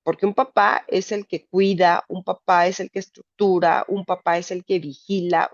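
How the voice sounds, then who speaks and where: A woman psychologist with a fairly low voice gives a candid, emphatic personal talk to a support group, speaking in frank language. The recording is dull, dry, and lo-fi, with no echo.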